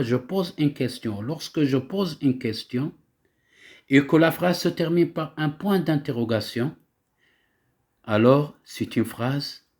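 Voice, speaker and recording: Guy teacher going thru grammar real slow, asks himself "why?" then answers, patient. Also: medium pitch, a little mellow. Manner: patient, explains step by step with rhetorical questions. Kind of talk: classroom grammar lesson.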